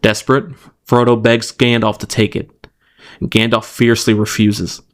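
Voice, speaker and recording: A man co-hosting a podcast, moving between relaxed chat with fillers and restarts and read-out passages of plot summary. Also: fairly low pitch, normal speed. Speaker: podcast co-host. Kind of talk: casual chat mixed with reading a plot summary.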